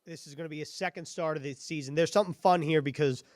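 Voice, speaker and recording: A man's voice: fairly high pitch, fairly even intonation, fast, darkish tone, no echo. Friendly man with a dry, close sound. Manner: friendly, easygoing, laughs often. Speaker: podcast host. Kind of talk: casual sports podcast chat.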